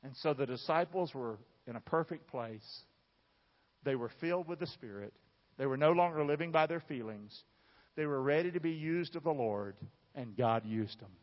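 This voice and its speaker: An animated, slightly high male voice preaches at a moderate pace, with a Southern American accent. He comes from the southern United States and is emphatic and folksy, directing questions at his congregation. The setting is a large church room, recorded with a dull, reverberant hall sound.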